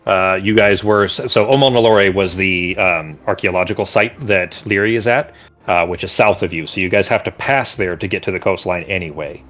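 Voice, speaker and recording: Male game master, low voice, loose rambling narration. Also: a little fast, a bit bright, faint music behind. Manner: rambling, searching for words, many restarts.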